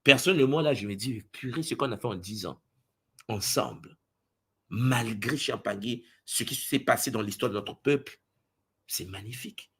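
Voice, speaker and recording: A man addressing spiritual followers, jumping between booming exclamations and low asides, often acting out other people's voices. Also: normal speed, sharp tone, slightly rough. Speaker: spiritual teacher.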